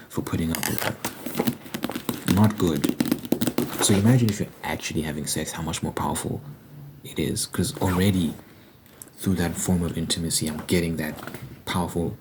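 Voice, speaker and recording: A man's voice: deep voice, background noise. A man giving a casual, opinionated monologue as a video host, speaking emphatically and repeating phrases for stress.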